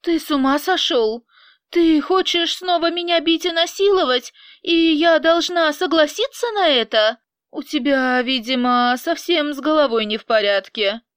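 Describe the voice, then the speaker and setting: A woman voicing a distraught, defiant young mother with shrill, tearful outbursts. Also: moderate pace, a bit bright, dry recording, clean studio sound. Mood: angry.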